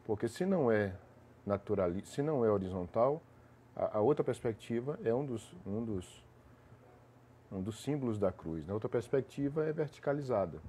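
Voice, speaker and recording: A man with a head cold hosts a casual live stream, his low, dark and mellow voice thick with congestion. He rambles along with restarts and tag questions, greeting viewers between thoughts, over a faint hiss of background noise. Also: animated, moderate pace.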